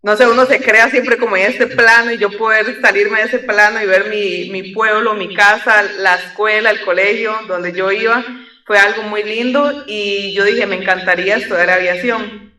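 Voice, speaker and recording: A young adult woman from Costa Rica with a Costa Rican accent, an airline pilot telling her story in a relaxed, reflective way with many fillers. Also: mid-range voice, moderate pace. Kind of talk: conversational storytelling interview. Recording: roomy echo, distant from the mic.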